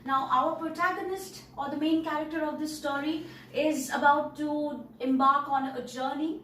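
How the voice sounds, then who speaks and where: A woman's voice: high voice, steady tone, moderate pace, a bit bright. Woman, English teacher, explaining a story, repeats words, echoey room, faint background noise. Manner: repeats and explains words, many "okay" and "all right" checks. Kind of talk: classroom lesson explaining a story. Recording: roomy, distant mic, faint noise.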